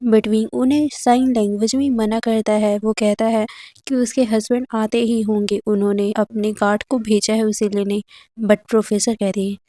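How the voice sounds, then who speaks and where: A woman's voice: mid-range voice, little pitch movement, normal speed, mellow, no room sound, clean studio sound. Woman retelling a romance story. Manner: conversational, mixes in English words. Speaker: story narrator. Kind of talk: casual storytelling narration.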